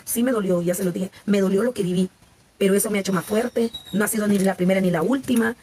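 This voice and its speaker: Salvadoran woman in her 40s, live-stream chat, talkative and candid, mid-pitched, faint hiss behind her. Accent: Salvadoran Spanish. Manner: talkative, candid, chatty with viewers, frequent restarts and laughter.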